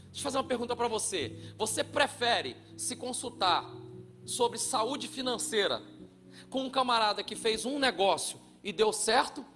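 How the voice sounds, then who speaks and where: A man giving a motivational talk to an audience, an expressive storyteller. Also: very high voice, moderate pace, soft background music. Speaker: motivational speaker.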